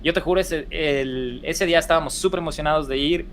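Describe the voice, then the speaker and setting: His voice runs on the high side, brisk and fairly bright, with slight background noise. The young Ecuadorian guest casually recounts stories on a podcast in his Ecuadorian Spanish accent, full of restarts and fillers.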